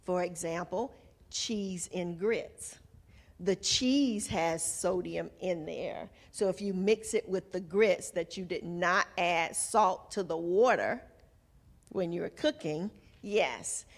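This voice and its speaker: A woman's voice: lowish voice, takes it slowly. A woman with a Southern American accent presents an informal nutrition workshop to a group in a folksy, conversational way, checking in with her listeners through questions. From Southern United States. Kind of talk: informal health talk to a group.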